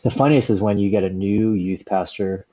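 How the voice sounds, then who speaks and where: A man in his forties, a stand-up comedian, telling stories in a relaxed, rambling way with lots of "you know" and "like". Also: on the low side, moderate pace, highs cut off. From Southern California, USA. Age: 40s. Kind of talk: casual interview storytelling.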